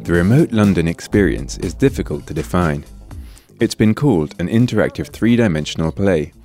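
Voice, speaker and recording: Deep-voiced male radio reporter. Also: animated, darkish tone, soft background music. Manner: measured, descriptive reporting. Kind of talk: scripted narration.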